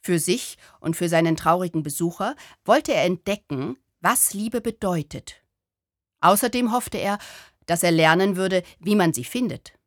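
A woman narrating a storybook audiobook in a calm, measured way. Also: on the low side, no echo, studio quality.

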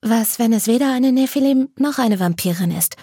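Shy schoolgirl, woman narrator putting her on, a bit higher, hesitant, breathy. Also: expressive, normal speed, warm tone, dry recording, clean studio sound. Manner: hesitant, slightly nervous. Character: shy, dutiful teenage schoolgirl. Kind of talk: storybook read-aloud.

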